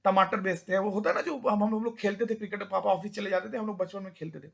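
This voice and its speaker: High, gravelly man rambling casually. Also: steady tone, fast, a bit bright. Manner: rambling, with many restarts and repeated words; acts out village elders in a rough rustic voice. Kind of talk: informal spoken talk.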